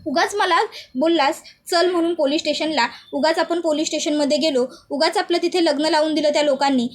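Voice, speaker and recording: A woman's voice: high voice, fairly even intonation, fairly quick, close to an everyday voice. A woman voicing an upset young bride who blames her husband sharply, in a serial recap. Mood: reproachful. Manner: reproachful, sharp.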